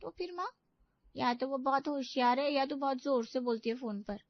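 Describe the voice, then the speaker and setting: A woman's voice: high voice, normal speed, no room sound, voice pushed up. Woman doing a whiny put-upon young daughter. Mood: suspicious. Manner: whiny, complaining. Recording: dull dry lo-fi recording.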